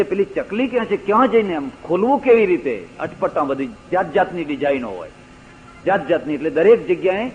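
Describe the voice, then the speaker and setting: An older man with a Gujarati accent giving a spoken religious discourse, telling anecdotes and acting out the voices in them with rising emphatic stresses. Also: high-pitched. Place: lecture hall. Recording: dull lo-fi archival audio recording.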